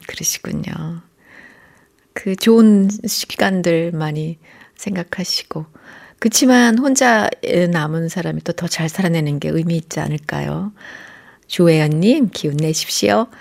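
A woman hosting a radio program, gently talking and reading out listener messages from a studio microphone. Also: deep voice, a little slow, vocal fry. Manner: gentle, reads listener texts aloud.

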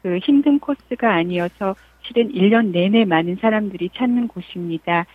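A woman's voice: medium pitch, normal speed, dry recording. A woman correspondent phoning in to a radio show to give a polite, friendly travel report. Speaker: Hong Kong correspondent. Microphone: telephone. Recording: tinny, dry phone line.

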